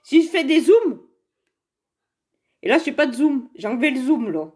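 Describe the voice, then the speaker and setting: Chatty woman, slightly high voice, live beauty demo into a phone at home. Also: expressive, moderate pace, darkish tone. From Saint-Étienne area, France. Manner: chatty and rambling, laughs often, talks to viewers by name. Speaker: direct seller presenting makeup products. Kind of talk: casual live makeup demonstration. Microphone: phone camera in front of her.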